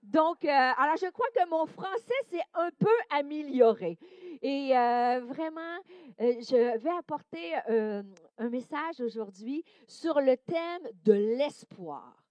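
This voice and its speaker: A woman with a Québécois accent, a guest preacher giving a sermon, animated and playful with many hesitations. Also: high voice, slow, dry recording. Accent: Québécois French. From Quebec, Canada.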